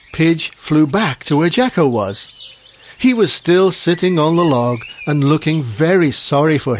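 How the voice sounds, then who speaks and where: A storyteller reads a children's story slowly and gently, with a lively, expressive lilt. The voice stays unhurried throughout. A faint hiss sits under the voice. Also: mid-range voice.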